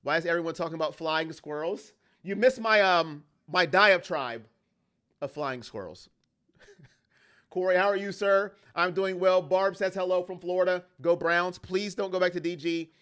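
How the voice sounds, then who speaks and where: Male fan host, higher-pitched voice, bright and sharp, heated ranting, livestream chat reading. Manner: heated, ranting, fast-shifting intensity.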